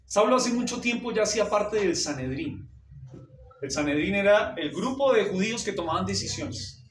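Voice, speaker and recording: High-voiced pastor preaching in echoey church. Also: male voice, expressive, moderate pace. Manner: asks the congregation questions and answers them. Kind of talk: sermon. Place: church hall. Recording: roomy church hall, mic far off, faint noise.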